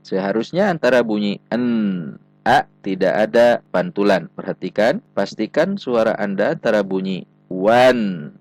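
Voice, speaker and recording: A man teaching Quran recitation, patiently explaining rules and slowly sounding out example syllables. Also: lowish voice, expressive, darkish tone, no room sound. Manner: patient, methodical, drawn-out syllables when demonstrating. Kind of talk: tajwid lesson with slow recited examples.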